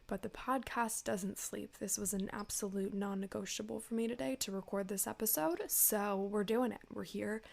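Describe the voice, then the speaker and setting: An American woman talks casually to her podcast listeners in a mid-pitched voice. She sounds stuffy and congested with a cold, and her speech has a creaky fry. Her delivery is informal and chatty. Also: fairly even intonation, normal speed, few pauses. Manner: informal, chatty, addresses listeners as "you guys". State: sick with a stuffy nose. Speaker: podcast host.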